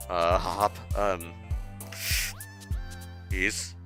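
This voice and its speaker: A woman's voice: rumbling low, little pitch movement, drawn-out words, fairly bright tone, soft background music. A young woman streaming a game, chatting casually and animatedly, often laughing. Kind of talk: casual live-stream chat.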